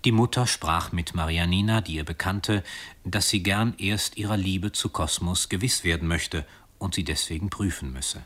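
A man reading a literary story aloud in a calm, expressive way with soft, hushed passages. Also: deep voice, moderate pace. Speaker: reader.

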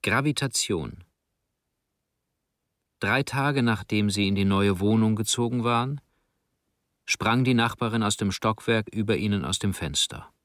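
A man narrating a literary short story in a calm, measured reading. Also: fairly low pitch, no echo, studio quality. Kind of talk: audiobook narration.

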